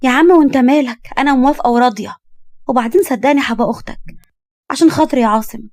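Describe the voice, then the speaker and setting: A woman voicing a bold, teasing young woman in her twenties, with an Egyptian accent and quick comebacks. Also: sits high, darkish tone, no room sound, voice pushed up, close to an everyday voice. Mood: cheeky.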